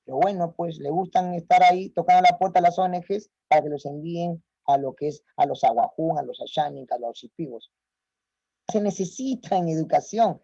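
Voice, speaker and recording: A man's voice: fairly high pitch, a little fast, gravelly, dark tone, no room sound. A man teaching an online lecture, emphatic and asking his students rhetorical questions. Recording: muffled lo-fi audio.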